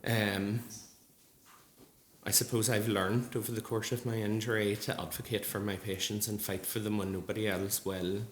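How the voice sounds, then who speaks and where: Man, early thirties, low voice, earnest testimony speech, echoey hall. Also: slight background noise. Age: 30s. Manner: earnest, measured, with frequent ums. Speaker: nurse speaking at a support group event. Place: large gallery hall. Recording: echoey hall with faint ambience.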